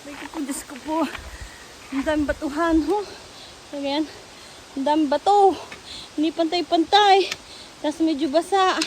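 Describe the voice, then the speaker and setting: A woman vlogging excitedly on a rocky waterfall hike, often out of breath. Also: sits high, normal speed, noisy background. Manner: excited, exclamatory, mixing in English. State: out of breath from hiking. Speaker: travel vlogger. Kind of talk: travel vlog narration. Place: outdoors at a waterfall on rocky trail. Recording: loud waterfall roar behind voice.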